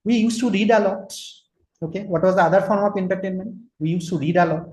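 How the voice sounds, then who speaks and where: A man's voice: sits high, fairly even intonation, fast, a little mellow, a little hiss or hum. A man in his forties from Kolkata with an Indian English accent, giving an online lecture, asking listeners questions and slipping into Hindi. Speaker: trainer, lecturer. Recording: roomy echo.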